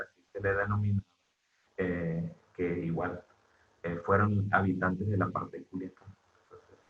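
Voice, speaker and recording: A man from northwestern Mexico giving an online university class, halting with fillers and restarts and often checking in with his students. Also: on the low side, pushed and bright. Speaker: university lecturer. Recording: dull echoey lo-fi room sound.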